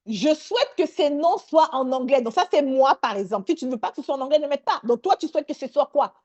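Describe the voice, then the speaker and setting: A woman leading a live online workshop, energetic and sprinkling English words into her talk. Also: high voice, fast talker, highs cut off.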